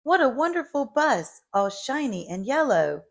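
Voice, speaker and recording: Woman voicing eager, high-pitched Little Blue Truck. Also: sing-song, a little slow, exaggerated voice. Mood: admiring. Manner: bright, encouraging, beeping. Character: small, eager, helpful male pickup truck.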